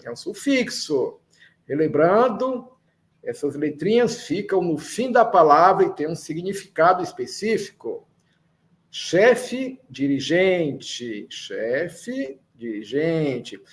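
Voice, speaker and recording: Brazilian guy teaching a language class, high animated voice, spells stuff out and says words twice. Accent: Brazilian Portuguese. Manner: spells out letters and repeats words for learners to echo. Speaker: Esperanto teacher. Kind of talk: slow, deliberate classroom explanation.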